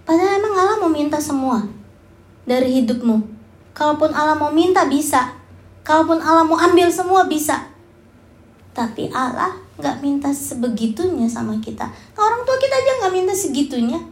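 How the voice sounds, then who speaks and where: A woman's voice: sits high, expressive, normal speed. A woman in her forties preaching a sermon, talking conversationally and addressing the congregation directly with personal stories. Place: church hall. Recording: echoey hall.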